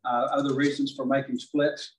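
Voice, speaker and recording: A middle-aged man with a Texan accent giving a beekeeping club presentation, measured and dotted with fillers. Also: mid-range voice, flat delivery, a little hiss or hum. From southeast Texas. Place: large meeting hall with projector. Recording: distant room recording.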